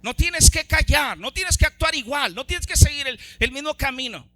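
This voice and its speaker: A man preaching a sermon as pastor, fervent, swinging between loud exclamations and soft low asides. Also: animated, normal speed, no room sound.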